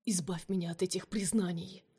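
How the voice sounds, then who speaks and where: A woman's voice: on the low side, steady tone, a little fast, dark tone, slightly rough. Woman reading a cruel jealous man, cold, cutting, hissed, audiobook.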